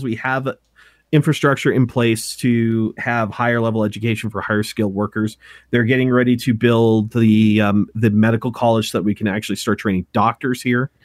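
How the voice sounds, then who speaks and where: This mid-range male voice comes through a dry, studio-quality recording. He's a Montana podcast co-host in his thirties, chatting casually and often stopping to restart or correct himself.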